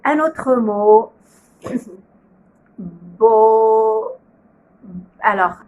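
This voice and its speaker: A kindergarten teacher leads a phonics lesson video, slowly and patiently sounding out letters and syllables. She has a slightly high voice, and the audio is narrow and tinny.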